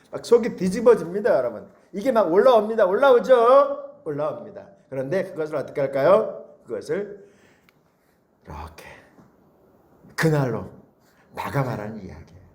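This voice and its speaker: Animated Korean pastor preaching. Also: male voice, medium pitch. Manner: animated, coaxing the congregation with repeated calls and questions. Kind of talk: sermon.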